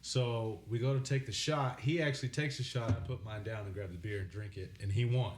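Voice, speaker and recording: A man's voice: medium pitch, fairly even intonation, brisk, reverberant, slight background noise. A man, a guest barber, telling a competitive eating story in casual podcast chat.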